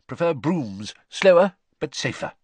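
A man's voice: a little high, big pitch swings, measured pace, a little mellow, slightly rough, dry recording, voice pushed up, exaggerated voice. A man voicing a cheerful middle-aged father who explains things in a chatty, matter-of-fact way.

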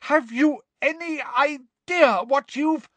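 A man voicing a stern, furious female professor, speaking in a sharp, clipped, scolding manner for an audiobook. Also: very high voice, slow, dry recording, voice pushed up, full character voice. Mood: livid.

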